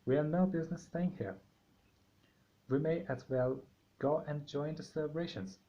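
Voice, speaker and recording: A man voicing a calm, gentle old male wizard headmaster, halting and restarting as he reads. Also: on the high side, lightly acted. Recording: dull lo-fi recording.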